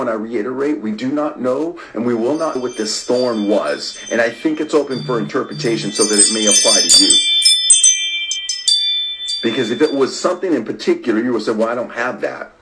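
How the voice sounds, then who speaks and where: A man preaching a sermon, repeating phrases for emphasis and swinging between loud stress and near-whispers while talking to online viewers. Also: medium pitch, low-quality recording. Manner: repetitive and emphatic, rising to stress and dropping to a hush.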